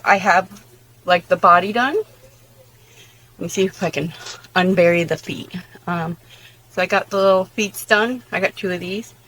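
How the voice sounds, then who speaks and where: A woman chats from home while she works on her crochet. Her voice sits fairly low, and she rambles in a loose, unscripted way, stopping to correct herself. A faint background hum stays under her voice. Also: bright, forceful tone. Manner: rambling, many fillers and self-corrections. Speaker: crochet vlogger. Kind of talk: casual chat.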